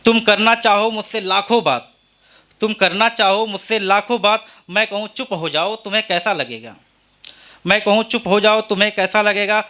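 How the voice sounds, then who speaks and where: A man's voice: high-pitched, normal speed, pushed and bright. A man at an open mic reciting a long, repetitive poem line by line, with a Hindi accent. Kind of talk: reciting poetry. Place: open mic event venue.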